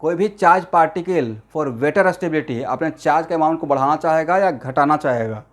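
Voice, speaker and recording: Male tutor, slightly high voice, classroom lecture, quizzes students. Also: normal speed. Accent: Assamese-influenced Hindi. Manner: mixes Hindi with English terms, asks class questions constantly. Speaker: chemistry teacher.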